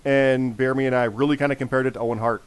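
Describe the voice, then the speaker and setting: A man in his forties with a hoarse, worn voice, hosting a casual podcast and repeating phrases for emphasis. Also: medium pitch, fairly even intonation, racing, dry recording. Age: 40s. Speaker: podcast host.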